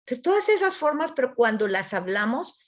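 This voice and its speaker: Lady teaching bible lit over a video call, slightly high voice, goes over things twice. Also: sing-song, fairly quick. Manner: explains patiently, repeats words, frequent "¿verdad?". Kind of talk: online lecture to a class.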